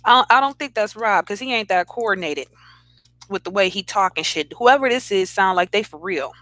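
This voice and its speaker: Chatty woman host, mid pitch, dry room, casual commentary. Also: expressive, moderate pace, bright, forceful tone, no room sound. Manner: incredulous, chatty, talks to viewers. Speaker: host reacting to clips.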